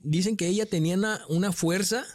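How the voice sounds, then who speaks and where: A man's voice: high voice, fast, no room sound, studio quality. A man with a Mexican accent telling a personal paranormal story in casual, slang-filled conversation. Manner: frequent slang and swearing, animated retelling. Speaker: guest telling a paranormal experience.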